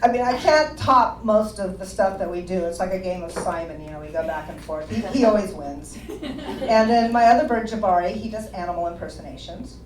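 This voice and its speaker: A woman comedian telling stand-up stories on a small club stage in an animated way, laughing through her lines. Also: medium pitch, a little fast, crowd noise. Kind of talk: stand-up storytelling. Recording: roomy club sound from a distance, audience laughter.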